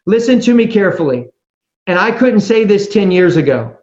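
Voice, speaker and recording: Male preacher at a pulpit mic; high-pitched, roomy and slightly muffled sound, earnest delivery. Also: sing-song, a little mellow. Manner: earnest, emphatic, slows down for scripture. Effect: preaching into a pulpit microphone. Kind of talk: sermon.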